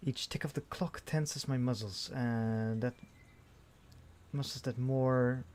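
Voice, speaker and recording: A man's voice: mid-range voice, a little mellow. A man reading a visual novel aloud in first person, with dry delivery and frequent restarts. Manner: dry narration with restarts and sighs.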